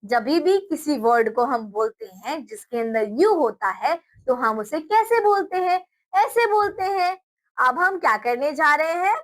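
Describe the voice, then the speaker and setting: High-voiced woman teaching small children. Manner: slow, spelling letters out one by one; encouraging, praises often. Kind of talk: children's phonics lesson.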